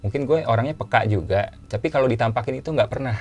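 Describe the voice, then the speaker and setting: A man with a casual way of talking, telling his own story as a guest in a relaxed chat and repeating phrases for emphasis. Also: mid-range voice, quick pace, soft background music.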